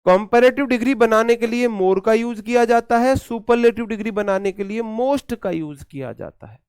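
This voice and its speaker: Male grammar teacher, slightly high voice, dry close sound, drills words by repeating them slowly. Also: darkish tone, clean tone, no room sound. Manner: repeats words slowly to drill pronunciation, calls students "brother". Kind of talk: exam-prep lecture.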